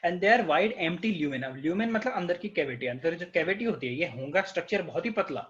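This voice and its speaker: A man's voice: a little high, lively intonation, a little fast, fairly bright tone, lo-fi sound. A man with an Indian accent teaching a biology class, mixing Hindi with English and putting questions to his students. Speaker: biology tutor. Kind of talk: online class lecture.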